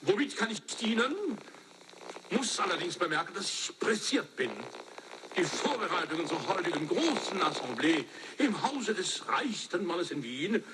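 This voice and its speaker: A pompous, hurried male majordomo, put on by a man in shifting accents. The voice sits high and swings widely. Hiss and noise run under the old archival recording. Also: sing-song. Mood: clipped. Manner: reads the same lines in shifting put-on accents.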